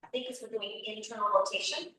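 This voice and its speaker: A woman's voice: medium pitch, fast, sharp tone, slight background noise. A woman instructing a group fitness class, calling out short directive cues and encouragement. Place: indoor room, on camera for a class. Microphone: camera mic from a distance. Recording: echoey room, distant microphone.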